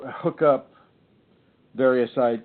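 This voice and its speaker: Man on a warbling, wobbly call line. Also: mid-range voice. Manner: halting, with many restarts and fillers. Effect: wobbly warbling call audio. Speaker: call-in show host. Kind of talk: casual call-in show hosting. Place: home, seated in a rocking chair. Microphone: iPad. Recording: tinny phone-like line with faint noise.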